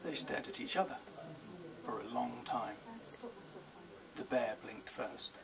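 A man, the author, reading his children's book aloud in a measured, gentle storytelling manner. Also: medium pitch, creaky, recorded from a distance, crowd noise, rough recording. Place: live reading event.

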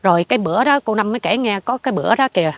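An older woman with a Southern Vietnamese accent, telling a ghost story in an animated way and acting out what she saw. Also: medium pitch, rapid-fire, no echo, dull audio. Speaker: interviewee. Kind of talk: ghost story told in conversation.

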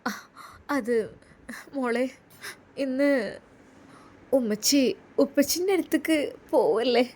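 A woman voicing a gentle young mother and bride with a Malappuram accent, speaking softly and tenderly. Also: fairly high pitch, normal speed, voice pushed down, close to an everyday voice. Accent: Malappuram Malayalam. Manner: soft, hushed, tender.

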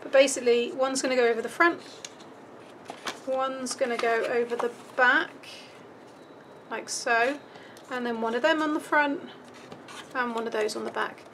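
A woman from the United Kingdom chats through a step-by-step craft tutorial at an indoor craft table, thinking aloud while beginning to lose her voice. Her tone is a little high and fairly bright, her intonation fairly even and her speed normal, with a little hiss or hum audible.

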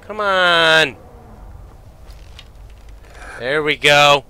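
A man streams his gameplay live with a slightly high, sharp, bright voice. He drawls his jokes slowly and swears freely. He erupts into shouts when the game surprises him. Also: clear, resonant tone. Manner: excitable and profane, jumping into shouted outbursts; playful mock-ritual joking.

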